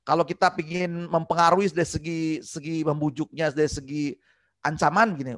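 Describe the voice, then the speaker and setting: A man giving an online business communication training, energetic and acting out customer replies. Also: on the high side, brisk, dry recording, studio quality.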